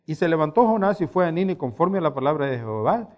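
Animated male preacher, higher voice. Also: quick pace, lo-fi sound. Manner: animated storytelling with acted quotes. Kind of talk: sermon.

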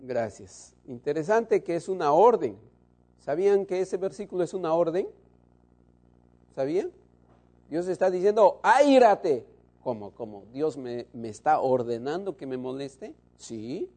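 A man preaching a sermon to his congregation, shifting between loud emphasis and soft, low asides. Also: very animated, unhurried.

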